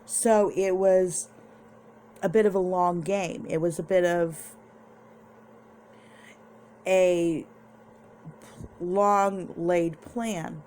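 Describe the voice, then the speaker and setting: A young woman talks through a TV episode in a relaxed home vlog, her voice a little low for a woman. She takes her time, drifting and restarting as she recaps. A faint hum sits under her voice. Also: extremely slow, long pauses. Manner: chatty, meandering, with restarts. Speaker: vlogger reviewing a TV episode. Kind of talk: casual recap and review.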